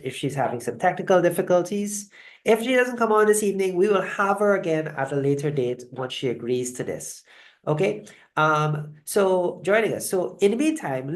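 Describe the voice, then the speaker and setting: A woman leads a live online presentation over a video call mic. Her delivery is casual and conversational, with pauses and restarts and a frequent "right?" to her audience. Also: on the low side. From Guyana. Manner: conversational, halting, often checks in with "right?". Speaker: host of a live online wellness session.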